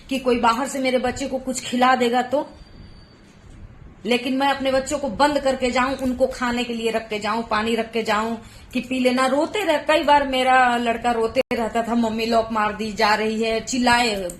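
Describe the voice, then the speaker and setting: A woman's voice: on the high side, slight background noise. A woman in her thirties, a mother vlogging from home, talking earnestly and emotionally as she pleads with other parents. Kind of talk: heartfelt personal vlog advice. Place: home, Gujarat.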